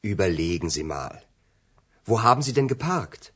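A calm, patient hotel clerk. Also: male voice, fairly low pitch, measured pace, husky, heavily acted. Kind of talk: radio drama for language learners.

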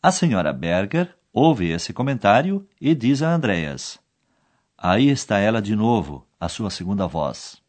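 A man's voice: lowish voice, sing-song, measured pace, darkish tone. A man narrating a language course in scripted style, explaining each scene and repeating the key foreign words.

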